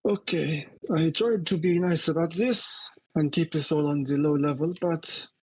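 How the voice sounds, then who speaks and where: Haughty tabletop-game lieutenant played by a man: condescending, mock-polite, coolly menacing, dry close sound, slightly husky. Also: on the high side, fairly even intonation, moderate pace, a little mellow, no room sound, pitched above the performer's own voice. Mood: exasperated, quietly threatening. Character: haughty, exasperated male lieutenant, coolly threatening.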